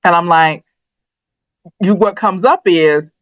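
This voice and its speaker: A woman's voice: on the low side, takes it slowly, no room sound. Candid middle-aged woman, dry muffled audio. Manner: personal and confiding, thinks aloud with restarts. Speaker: podcast co-host. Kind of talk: candid conversational chat. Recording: dry, slightly dull podcast audio.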